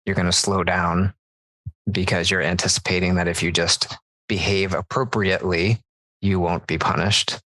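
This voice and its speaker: A man hosting a podcast in casual chat, relaxed and laughing often, restarting his sentences. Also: low-pitched, normal speed, no echo, poor audio. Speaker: podcast host.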